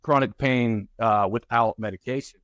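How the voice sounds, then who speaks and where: A guest author and speaker in his forties, with a mid-range voice and no audible room, speaks frankly during an interview. He keeps restarting his sentences and halting, though his stories bring out real animation.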